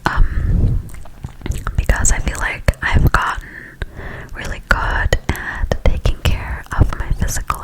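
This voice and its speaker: An ASMR creator rambling casually in a soft, breathy whisper, very close to a sensitive ear-to-ear microphone. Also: poor audio. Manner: slow, soft, hesitant rambling delivery. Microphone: close, highly sensitive ear-to-ear stereo microphone.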